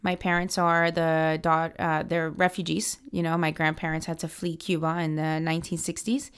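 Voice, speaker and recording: A young woman from Miami answers interview questions as a political strategist. She speaks earnestly and with passion, pausing on fillers and restarting her sentences as she goes. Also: sits low, level tone, smooth. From Miami, United States.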